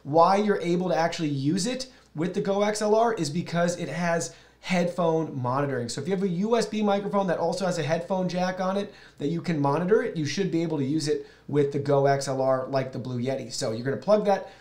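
A host in his thirties, voice a little mellow and on the high side, talks briskly with barely any pauses through an upbeat product overview and software tutorial for his viewers. Audio comes from a shotgun studio microphone and mixer in a small indoor studio.

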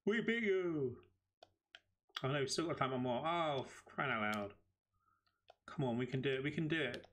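A British man giving chatty, excitable live commentary as he streams a game at his desk microphone. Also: medium pitch, normal speed. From United Kingdom.

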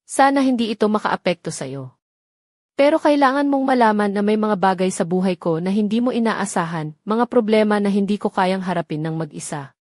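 A woman voicing a quiet, troubled young man in a spoken story, with soft, earnest, hesitant delivery. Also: medium pitch, a little fast, dry recording, clean studio sound, close to an everyday voice.

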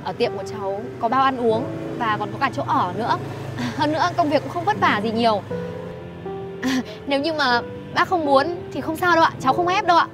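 A woman's voice: sits high, lively intonation, fairly quick. A woman playing a kind young shop owner. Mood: gentle. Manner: polite, gentle and reassuring. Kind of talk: web drama acting. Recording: background music.

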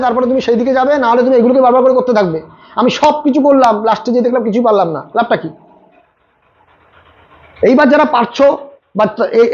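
Here a man with a very high voice, captured with lo-fi sound, runs through last-minute maths exam tips. He speaks to the students directly, going over his points again and again at a rapid, coaching pace.

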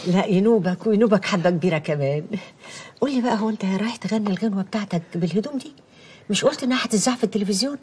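An actress playing a loving older mother who prays softly for each of her children, speaking with an Egyptian accent. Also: medium pitch, very fast, slightly rough, natural voice. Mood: warm teasing. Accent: Egyptian Arabic. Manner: tender, prayerful, softly pleading. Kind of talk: Egyptian TV drama acting.

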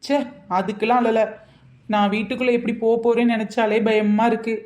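A woman's voice: a little high, flat delivery, fairly quick, a little mellow, lightly acted. A woman playing an anxious young daughter-in-law in a village comedy skit, talking in a fretful, pleading way.

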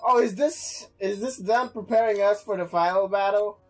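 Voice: medium pitch, normal speed, darkish tone. A gameplay commentator casually reacting to a game, swearing and complaining as they play. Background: game music and audio.

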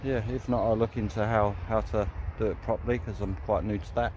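A man's voice: fairly low pitch, fairly even intonation, a little fast, muffled recording, noisy background. A man recording a casual outdoor video diary as a wildlife photography vlogger, talking hesitantly with many ums. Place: outdoors by water in nature.

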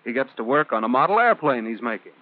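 An American man narrates a 1950s instructional film in simple, conversational phrases, as though speaking straight to a child. His mid-range voice swings widely in pitch and he talks fast, with no room sound. The audio is a muffled, telephone-like old film soundtrack.

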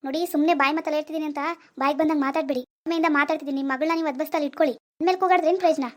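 A young man acts out a stubborn young villager from in a homemade drama. He talks fast and blunt in a fairly high voice. He never gives ground. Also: fairly even intonation. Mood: defiant. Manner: quick, blunt arguing.

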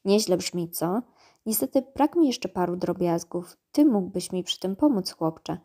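A woman's voice: lowish voice, animated, a little slow, mellow. A woman doing a pompous old gnome scholar. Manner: grumbling, self-important.

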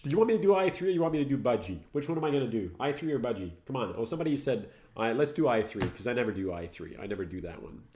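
A middle-aged man with a French Canadian accent talks casually through a live show, poking fun at himself and laughing easily. His voice sits at an ordinary male pitch. The room around him sounds roomy and echoey. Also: sing-song, very fast, hardly any pauses, darkish tone, a little hiss or hum. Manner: self-mocking, laughing often, chatty. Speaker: host. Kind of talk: casual live-stream tech chat.

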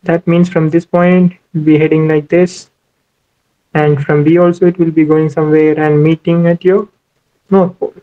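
A maritime navigation instructor records a voice-over for a tablet whiteboard screen recording, explaining ship navigation step by step with many "you know"s. His voice is fairly high with a flat delivery at normal speed, and the sound is phone quality.

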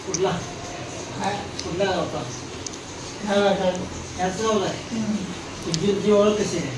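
A man's voice: high-pitched, steady tone, unhurried. A man at home asking a string of questions, with a questioning, scolding manner. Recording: very echoey room from far off, noisy.

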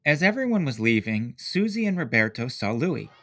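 A man reading a picture book aloud as narrator, with slow, expressive storytelling. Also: medium pitch, slight background noise.

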